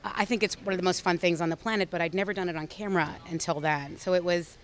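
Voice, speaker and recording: A woman's voice: fairly low pitch, fairly even intonation, quick pace, a little hiss or hum. A woman, an actress being interviewed, talking in a bubbly, effusive way and often restarting her sentences. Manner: bubbly, effusive, self-correcting. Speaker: actress guest. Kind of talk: casual interview chat.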